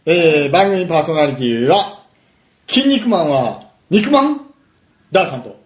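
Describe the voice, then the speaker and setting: A man's voice: fairly high pitch, very animated, unhurried. Teasing man hosting a web radio show. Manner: teasing, laughs often. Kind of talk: casual chat. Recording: roomy echo.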